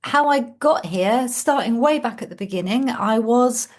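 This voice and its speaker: A woman's voice: a little high, lively intonation, measured pace, a little mellow. A woman from Wales, a sales coach, telling her story as a guest on a video call in a reflective way. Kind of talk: casual interview on a call.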